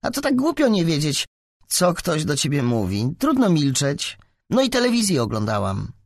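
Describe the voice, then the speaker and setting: A man's voice: a little high, wildly swooping pitch, normal speed, no echo, clean studio sound, pitched above the performer's own voice, heavily acted. A man voicing a chatty teenage schoolgirl. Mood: eager. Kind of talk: audiobook reading.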